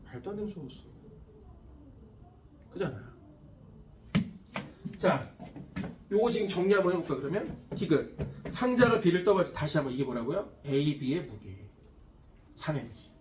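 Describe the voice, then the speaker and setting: Cram-school teacher, male, lively rising voice, blunt and crude, heard from across an echoey classroom. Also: on the high side, brisk, recorded from a distance, noisy background. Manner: blunt, scolding, coarse and emphatic, constantly checking with students. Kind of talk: classroom lecture.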